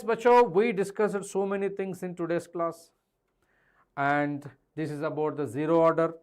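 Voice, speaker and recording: A man with an Indian accent lecturing in a live online class, emphatic and repeating key phrases, mixing English with Hindi. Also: a little high. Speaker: chemistry teacher.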